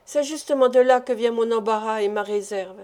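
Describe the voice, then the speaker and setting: A woman voices a timid, loving young fiancée in an audiobook. She pleads with hesitation and embarrassment, in a mellow, fairly high voice. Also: brisk, close to an everyday voice. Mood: hesitant. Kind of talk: audiobook dialogue reading.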